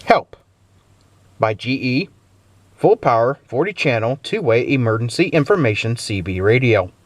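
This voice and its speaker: This man's voice is medium in pitch and expressive, keeping a moderate pace. He's a vlogger showing off vintage gadgets in a playful, theatrical demo with storytelling narration, recorded in a truck cab where background noise is clearly audible.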